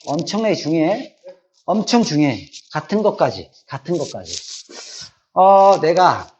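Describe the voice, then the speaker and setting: A man's voice: on the high side, lively intonation, unhurried, a little mellow, dull audio. A middle-aged man teaching a math class, repeating key points and often checking that students follow.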